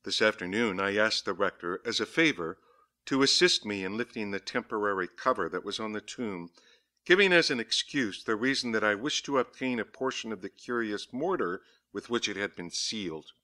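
Male audiobook narrator, lowish pitch, bright forceful tone, measured dramatic reading. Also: expressive. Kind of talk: scripted narration of a diary.

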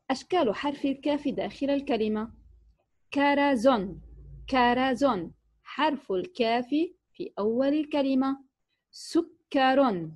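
A woman teaching children a reading lesson, pronouncing sounds and words slowly and carefully. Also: on the high side, a little mellow. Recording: dull lo-fi recording.

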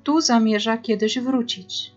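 A woman voicing a kindly grandfather who speaks softly and firmly in a storybook reading. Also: on the high side, a little slow, lo-fi sound, faint music behind, close to an everyday voice. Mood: reassuring. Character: kindly grandfather, calm and firm.

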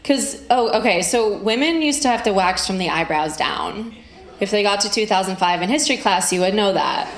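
A woman performing stand-up comedy into a stage microphone, with dry, conversational joking and drawn-out punchlines, to audience laughter. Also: mid-range voice, lively intonation. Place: live comedy venue. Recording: roomy live stage sound with crowd noise.

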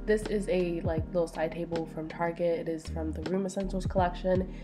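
A young woman with a stuffy nose talks through a relaxed voice-over, chatty and self-mocking, leaning on lots of fillers. Her voice sits a little low for a woman. Loud music plays behind her. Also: fairly quick. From Florida, USA. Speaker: lifestyle vlogger. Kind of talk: casual voice-over narration. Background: loud background music.

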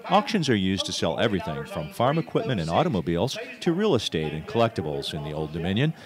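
Low, lively American male reporter. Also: fast talker. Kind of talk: scripted news feature narration. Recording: crowd noise behind voice-over. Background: event crowd.

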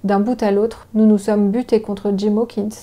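A woman's voice: mid-range voice, little pitch movement, normal speed, mellow, close to an everyday voice. A woman voicing a hot-tempered old male pirate sailor who curses at a boy in an audiobook. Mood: angry. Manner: angry, cursing.

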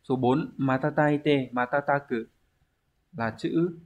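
A man's voice: mid-range voice, slow. A man, teaching a language exam review lesson, explaining step by step and answering his own questions.

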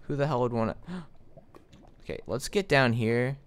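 A man's voice: medium pitch, animated, moderate pace, smooth. Swearing young man playing a game. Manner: frustrated, swearing, sarcastic. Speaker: gaming commentator. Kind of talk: casual gameplay commentary.

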